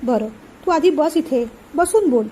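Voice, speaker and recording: A woman's voice: sits high, expressive, a little slow, warm tone, slight background noise. A woman reading the part of a caring middle-aged aunt who coaxes affectionately. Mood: coaxing. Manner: coaxing, affectionate.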